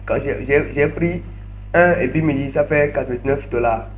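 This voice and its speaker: A man's voice: mid-range voice, normal speed, narrow, tinny audio, a little hiss or hum. A man leading an online training session, narrating each click step by step and often repeating words over a video call. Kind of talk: screen-share tutorial.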